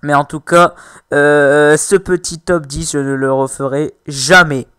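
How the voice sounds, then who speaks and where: A young man talking casually and hesitantly to his viewers, apologetic and full of pauses and fillers. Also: fairly high pitch, steady tone, pushed and bright, clean tone, no echo. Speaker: gaming video creator. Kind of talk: casual video outro.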